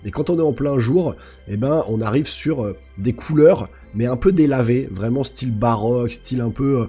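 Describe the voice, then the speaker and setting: Husky, hoarse man reviewing films. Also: medium pitch, normal speed, mellow, soft background music. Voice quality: hoarse, guttural, raspy voice. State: slightly sick, broken voice. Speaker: film review channel host. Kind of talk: casual spoken film review.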